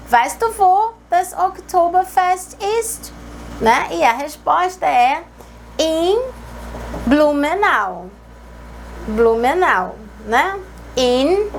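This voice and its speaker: Slow-speaking high-voiced woman teacher. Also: a little hiss or hum. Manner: slow, explanatory, repeats German words. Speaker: German teacher. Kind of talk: online language lesson.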